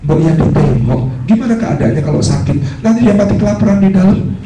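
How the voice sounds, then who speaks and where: A man's voice: high-pitched, lively intonation, fast talker, loud music behind the voice, voice pushed up. A man voicing a sly male devil who coaxes and tempts, in an echoey hall recorded from a distance. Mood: coaxing. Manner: coaxing, insinuating whisperer.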